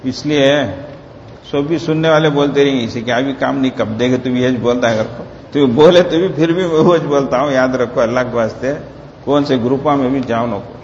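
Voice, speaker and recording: A man's voice: medium pitch, a little mellow, slight background noise. A male preacher delivers a sermon with a long, ringing reverb around his voice, as if he were standing in a large hall. The sound is dull and lo-fi, with a faint ambience behind it. He keeps asking the congregation questions and draws out key phrases. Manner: rhetorical questions to the audience; slow emphatic phrases on religious words. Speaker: Islamic preacher. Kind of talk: Ramadan sermon.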